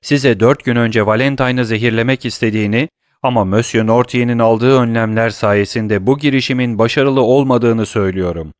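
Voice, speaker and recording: A man's voice: medium pitch, normal speed, dry recording, studio quality, lightly acted. A man voicing a grief-stricken young lover who declaims accusations with raised, urgent intensity, in an audiobook. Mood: impassioned.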